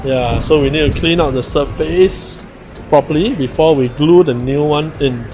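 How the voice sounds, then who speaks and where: Higher-voiced Singaporean man vlogging casually. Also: moderate pace, music in the background, rough recording. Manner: colloquial, with Singlish particles and tag questions. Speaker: vlog host. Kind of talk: casual vlog chat to viewers.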